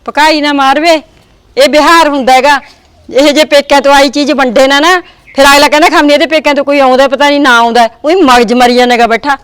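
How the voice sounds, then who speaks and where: A woman's voice: sits high, fairly even intonation, fast talker, fairly bright tone, no echo. A woman playing a devoted, emotional married daughter who talks at length with her old mother in a family drama. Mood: affectionate. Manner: pleading, talkative.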